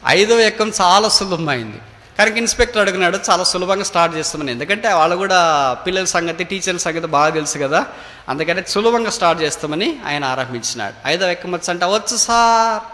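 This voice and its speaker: A man's voice: lively intonation, fast talker. Preaching man in a reverberant hall. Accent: Telugu. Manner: swings from loud rising cries to low quiet asides. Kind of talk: sermon with acted story. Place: prayer hall.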